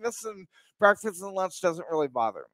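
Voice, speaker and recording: A man talking as a guest on a chat show, excitable and rambling. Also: high-pitched, brisk, no room sound. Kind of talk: casual chat.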